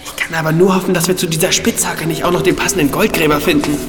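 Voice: medium pitch, steady tone, quick pace, natural voice. Echoing, anxious boy detective acted out. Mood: nervous. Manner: anxious, grumbling. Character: nervous, squeamish boy detective, easily scared. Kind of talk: German audio drama acting. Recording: echoey tunnel reverb, music behind.

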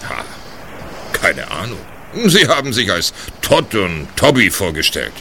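Jovial old pirate-style captain for audio drama, teasing, very forceful tone, animated, faint noise behind. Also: male voice, sits low, a little slow, exaggerated voice. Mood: matter-of-fact. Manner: hearty pirate-like seafarer talk. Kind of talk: German audio drama acting.

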